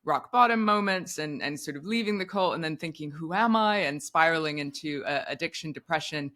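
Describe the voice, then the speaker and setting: A woman's voice: low-pitched, brisk, a bit bright. A woman in her forties, a psychotherapist guest on a podcast, talking candidly and reflectively and thinking aloud as she goes.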